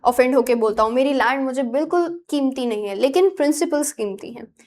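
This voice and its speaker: A woman's voice: sits high, fairly quick, darkish tone, close to an everyday voice. A woman teacher voicing a nervous, fussy neighbour who complains and stumbles over words. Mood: stubborn. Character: anxious, fussy neighbour Lomov, touchy about his land.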